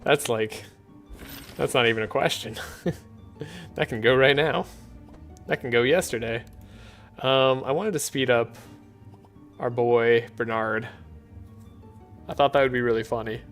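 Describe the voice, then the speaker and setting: A man streaming a card game, talking in a soft, relaxed, sleepy way with frequent chuckles. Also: mid-range voice, measured pace, pauses often, faint music behind. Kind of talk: relaxed gameplay commentary.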